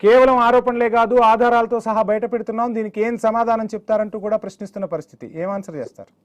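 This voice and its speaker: A man hosting a TV news debate, pressing his guests with quick questions. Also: high voice, steady tone.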